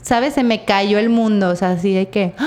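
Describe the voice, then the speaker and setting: A woman with a Mexican accent, co-hosting a podcast and telling a personal story in a casual, animated, slangy way. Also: medium pitch, normal speed. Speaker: podcast co-host.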